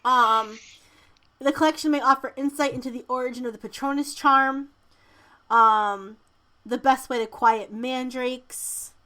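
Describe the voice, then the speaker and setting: A woman's voice: high-pitched, fairly even intonation, a little slow, pushed and bright. A woman co-hosting a podcast in casual chat, informal and emphatic, sometimes reading out news items. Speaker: podcast co-host.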